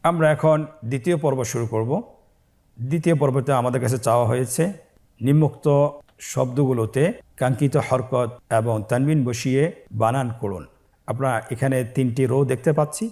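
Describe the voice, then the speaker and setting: Man, teacher, recorded lesson, mellow low-key voice, slow patient syllable drills. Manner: slow, spells syllables then blends them louder; calm, patient instruction. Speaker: Quran reading teacher.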